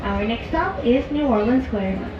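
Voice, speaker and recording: A woman's fairly high voice comes through a train PA loudspeaker, echoey and heard from a distance. The sound is dull and muffled, with steady background noise. She makes informal live safety announcements as conductor. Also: unhurried. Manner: friendly, informal, with fillers and restarts. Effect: heard over a train PA loudspeaker. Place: open-air train carriage.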